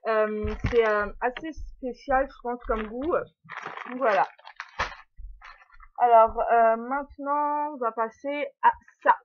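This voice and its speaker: Filming a haul video at home, a young vlogger talks slowly in a steady, slightly high voice. She giggles, hesitates a lot in little ways, and speaks to her puppy during the casual chat. The sound is dull and lo-fi.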